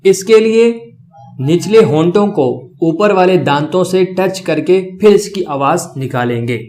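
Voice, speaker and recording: A man with a high voice leads a beginners' reading lesson. He stretches out each letter sound slowly and keeps checking that his learners follow. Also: darkish tone. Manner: slow, drawn-out letter sounds for repetition, checks in often. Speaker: Arabic alphabet teacher.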